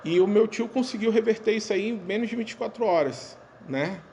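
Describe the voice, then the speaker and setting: A man recounting a family story as a spoken testimony in a temple, conversational, pausing and restarting as he quotes his relatives. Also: high-pitched, dark tone, dull audio, slight background noise.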